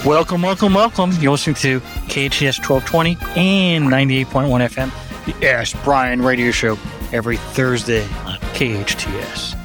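A man's voice: medium pitch, moderate pace, music in the background. A man hosting a radio talk show, joking and chatting casually with his co-hosts in the studio.

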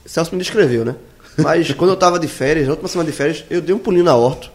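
A man's voice: fairly high pitch, rapid-fire. A man telling a rambling story in a casual podcast chat. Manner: rambling storyteller, restarts often. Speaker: podcast co-host.

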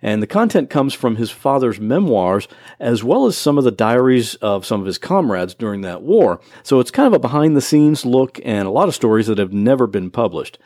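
In a clean studio recording with no room sound, a medium-pitched, slightly mellow male voice with a sing-song lilt moves at a moderate pace. He's a computer tutor from Florida, running a solo help podcast and explaining things patiently, one plain step at a time.

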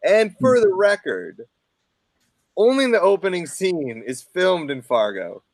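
A man's voice: high voice, a little slow, no echo. A man from southern Minnesota with a Minnesota accent, telling stories animatedly in a casual podcast chat. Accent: Upper Midwest, Minnesota. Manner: animated storyteller, mimics voices, laughs often.

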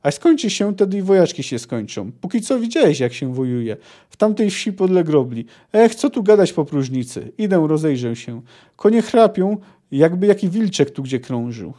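A man's voice: on the high side, sing-song, normal speed, warm tone. A man reading aloud and voicing a blunt, plain-spoken young woman archer from the forest. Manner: curt, folksy talk.

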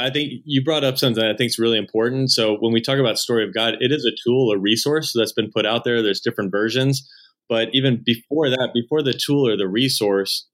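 A man's voice: medium pitch, a bit bright. A man who leads at a church, a podcast guest explaining his ideas earnestly, step by step. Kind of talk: explanatory conversation.

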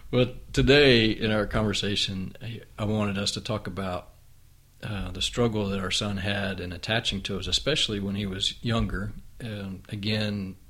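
Man, host, low voice, reflective, unhurried, frequent restarts, casual chat. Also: fairly even intonation, a bit bright. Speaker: podcast host and author. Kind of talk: casual conversation with his wife.

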